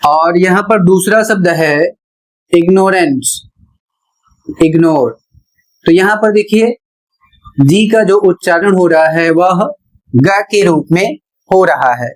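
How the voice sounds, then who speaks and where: A woman's voice: lowish voice, a little slow. A woman teacher explaining English pronunciation rules in a classroom-style lesson, spelling words out letter by letter.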